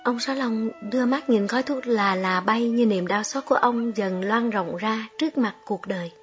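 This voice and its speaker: A woman reading a story aloud in calm, measured narration. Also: a little high. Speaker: audiobook reader. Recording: slightly dull recording, soft music behind.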